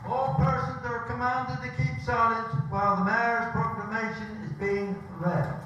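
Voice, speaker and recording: High, echoing male ceremonial announcer. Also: level tone, measured pace, background noise. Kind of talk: formal proclaimed announcement. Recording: echoey, distant, dull, music behind.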